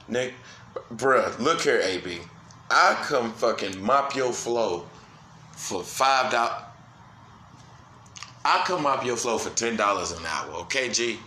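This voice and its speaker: Profane podcast host ranting in a roomy space. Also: male voice, animated, slow, pauses often, slight background noise. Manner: profane, emphatic, swinging between loud outbursts and low quiet asides. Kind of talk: solo sports podcast rant.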